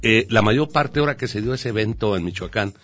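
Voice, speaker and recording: A man's voice: fairly low pitch, animated, a little fast, a bit bright, soft background music. A man speaking as a guest on a radio talk show, earnest and repeating his points. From Mexico. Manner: earnest, repetitive.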